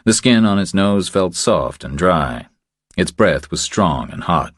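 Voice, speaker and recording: A man with a very low voice narrates a thriller audiobook, his delivery rising and falling expressively at an unhurried pace. His tone is a bit bright, and the sound is close and dry with no echo.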